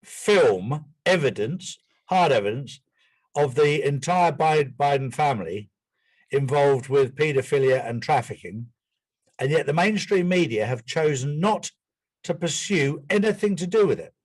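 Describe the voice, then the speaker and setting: A man's voice: fairly high pitch, lively intonation, measured pace, no echo. A man joining a casual commentary chat, speaking earnestly and readily agreeing with the others.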